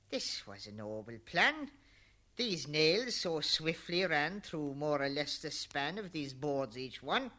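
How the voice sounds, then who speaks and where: A man's voice: on the high side, sing-song, slow, exaggerated voice. An actor playing Noah, a weary old man and bossy husband, declaiming old verse. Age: older. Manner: declaiming verse, grumbling then shouting. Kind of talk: old-style verse play.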